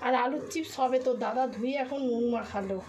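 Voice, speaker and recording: A woman's voice: fairly high pitch, quick pace, darkish tone, a little hiss or hum, low-quality recording. A middle-aged woman, chatting casually in the homely manner of a Bengali aunt. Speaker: home cook, relative of the vlogger. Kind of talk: casual kitchen chat. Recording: busy chatter behind the voice.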